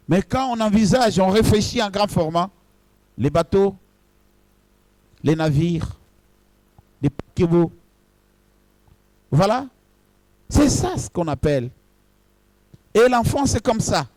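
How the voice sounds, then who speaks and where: A man's voice: sits high, lively intonation, slow pace, long pauses, darkish tone, no echo. A man, a pastor, preaching a sermon in short phrases and addressing his congregation directly.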